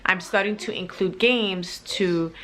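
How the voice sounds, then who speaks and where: A woman's voice: medium pitch, unhurried, a bit bright. A woman hosting a homeschool vlog, chatting casually to the camera at home about her plans for the day. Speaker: homeschooling mother and channel host. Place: family home.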